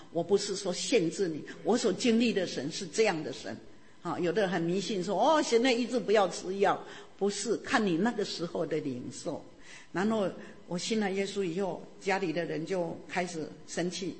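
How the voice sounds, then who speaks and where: A woman's voice: fairly low pitch, a little mellow. Fervent woman preaching in a hall. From Taiwan. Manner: earnest, fervent preaching with tag particles. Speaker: church speaker giving testimony. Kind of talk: testimony sermon. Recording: long reverb of a large hall.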